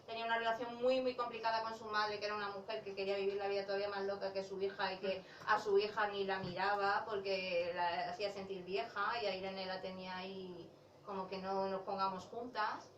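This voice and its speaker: A woman's voice: mid-range voice, little pitch movement, a little fast, lo-fi sound. A woman talks casually about her novel at a bookshop presentation, often restarting and correcting herself. She sounds somewhat far the mic, with the room adding a noticeable echo. A faint hiss sits under her voice. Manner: chatty, self-correcting, laughs while talking. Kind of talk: casual book talk.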